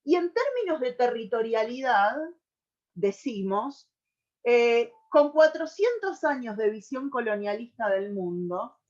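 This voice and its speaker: Slow-speaking Argentine woman on radio. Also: fairly high pitch, lively intonation, a little mellow, lo-fi sound. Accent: Argentine Spanish. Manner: thoughtful, with many hesitations and restarts. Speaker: radio presenter. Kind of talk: explanatory radio talk.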